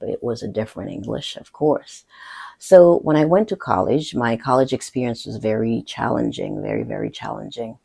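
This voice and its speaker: Woman, Caribbean French accent, very gravelly, husky, reflective teaching talk. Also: a bass voice, dark tone. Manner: earnest, thoughtful, with pauses and fillers. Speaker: coach.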